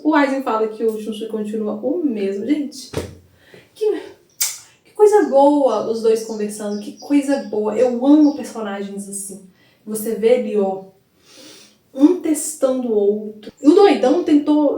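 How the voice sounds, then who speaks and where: Chatty woman in an echoey room. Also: fairly high pitch. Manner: chatty, animated, retells scenes with quoted lines. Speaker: anime recap youtuber. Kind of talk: casual excited episode recap. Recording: echoey room, mic at a distance.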